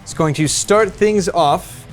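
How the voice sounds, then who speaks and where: A man plays a tabletop miniatures game and chats casually, reacting dramatically to each roll. His voice sits a little high for a man. Faint music runs underneath. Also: takes it slowly. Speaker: player.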